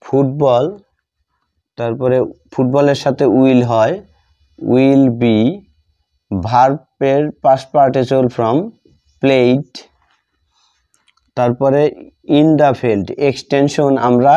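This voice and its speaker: An English grammar teacher whose first language is Bengali walks through a lesson step by step. He speaks slowly and deliberately in a mellow, medium-pitched voice with fairly even intonation, repeating each term as if dictating it. The recording sounds slightly dull and lo-fi.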